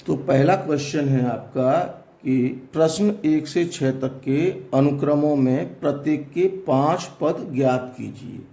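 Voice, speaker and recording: A man's voice: a little high, measured pace, dark tone, roomy sound. A man teaching a classroom math lesson, explaining step by step and asking students questions as he goes.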